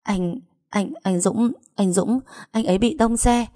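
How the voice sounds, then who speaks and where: Một người phụ nữ đọc truyện lồng tiếng một cô con gái trẻ vừa khóc vừa nói lắp bắp. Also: female voice, lowish voice, normal speed, a little mellow, no echo, studio quality. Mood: tearful. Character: young daughter, tearful and panicked.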